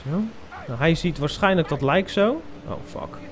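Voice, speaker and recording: Young Dutch-accented male streamer, fairly high, lively pitch, low mutters broken by sudden curses. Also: moderate pace, a little hiss or hum. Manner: mutters to himself, swears often at sudden scares. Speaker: gamer streaming a playthrough. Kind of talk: live gameplay commentary. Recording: game music playing underneath.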